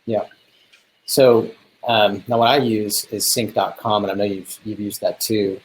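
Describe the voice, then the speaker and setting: A man's voice: lowish voice, steady tone, measured pace, poor audio. A man co-presenting a business webinar, talking casually and hesitantly with many ums and restarts.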